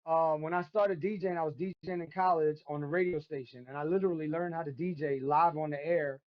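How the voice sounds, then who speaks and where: Fast-talking and a little high-voiced, this man in his 50s from Brooklyn, New York is a podcast guest telling stories in street slang. His storytelling is animated and the chat casual, though the audio is dull.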